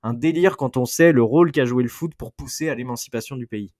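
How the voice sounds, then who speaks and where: A man in his thirties with a French accent, presenting a lively, joking football chronicle on a podcast and backing it with figures. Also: medium pitch, a little fast. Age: 30s. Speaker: football columnist.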